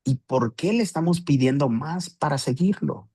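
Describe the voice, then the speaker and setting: A man's voice: on the high side, lively intonation, moderate pace, mellow, breathy edge. Man teaching a Bible study, conversational. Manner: conversational, with rhetorical questions and restarts.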